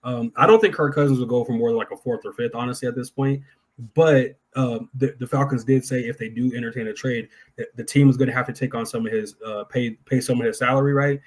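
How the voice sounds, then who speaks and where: A man's voice: mid-range voice, steady tone, fast. Informal, opinionated man talking sports. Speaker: sports podcast co-host. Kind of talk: casual sports analysis chat.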